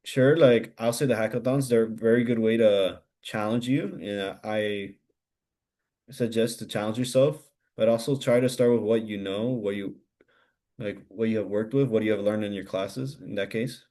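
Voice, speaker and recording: A man's voice: lowish voice, steady tone, moderate pace, dark tone. A man mentoring at a hackathon, talking loosely with lots of filler words. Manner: loose, hesitant, many "like" fillers. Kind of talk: casual advice chat.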